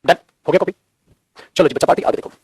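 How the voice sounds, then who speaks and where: A man's voice: rapid-fire, a little mellow, no echo. A man teaching English grammar to students, fatherly and scolding by turns, often calling them his children. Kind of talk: classroom grammar lecture.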